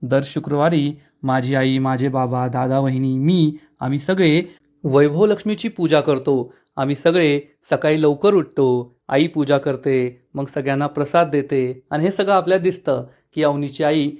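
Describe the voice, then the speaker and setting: A man's voice: fairly high pitch, a little mellow. Man retelling a serial episode. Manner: switches quickly into voicing each character's lines. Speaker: serial episode recap narrator. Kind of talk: retelling a TV episode, acting out the lines.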